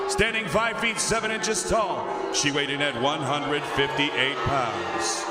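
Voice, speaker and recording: An American man announces from a boxing ring in a showy, formal style, stretching out names for the crowd. His voice sits high. It rings with arena echo over loud crowd noise.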